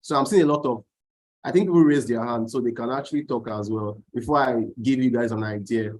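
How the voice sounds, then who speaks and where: A man with a middle-pitched voice facilitates an online training session. He talks conversationally and keeps putting probing questions to the group. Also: brisk, darkish tone. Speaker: workshop facilitator.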